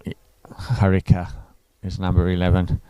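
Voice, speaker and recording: A man's voice: low voice, monotone, moderate pace, warm tone, clean tone, no echo, low-quality recording. A man from Africa, giving chatty live cricket commentary full of enthusiastic asides. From South Africa.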